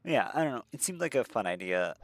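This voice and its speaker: Talking fast in a sing-song, mid-range voice, this man casually narrates his gameplay over slight background noise. His let's-play commentary wanders, with self-corrections, restarts and many fillers.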